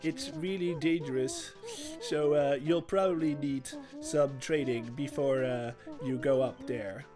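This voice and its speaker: A fussy, short-sighted mole from a video game speaks in a slow, careful, nerdy drawl, as a man reads his lines aloud. His pitch sits a little above a plain male voice, with faint game music behind. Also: close to an everyday voice.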